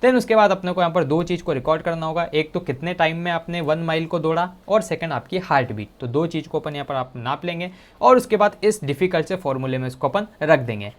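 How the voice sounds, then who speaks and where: A male teacher with a slightly high voice explains exam answers step by step. He talks casually and directly to his students, often calling them "bhai sahab". His is full of English technical terms. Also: lively intonation, brisk, hardly any pauses. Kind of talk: exam-prep lesson.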